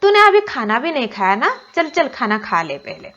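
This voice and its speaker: Affectionate, gently scolding old grandmother from a storybook reading, a woman puts her on, high and emphatic, muffled recording. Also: big pitch swings, normal speed, exaggerated voice. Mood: coaxing.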